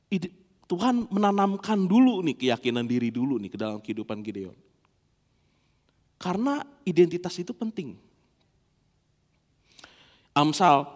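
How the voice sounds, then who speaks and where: Animated pastor preaching in a hall. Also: male voice, high-pitched. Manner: animated, playful, acts out dialogue. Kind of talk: lively sermon with humorous anecdotes. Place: church.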